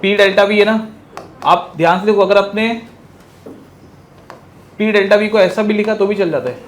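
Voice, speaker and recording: A man teaching a physics lecture, lively, firing rhetorical questions at his students and answering them himself. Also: sits high, normal speed, slight background noise. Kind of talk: classroom lecture.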